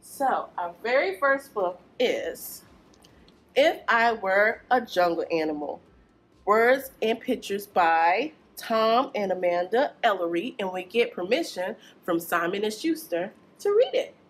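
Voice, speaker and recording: In a small children's corner of a library, a young woman who hosts storytime speaks to preschoolers in a singsong, encouraging manner. Her voice is medium-pitched with lively intonation, a little slow.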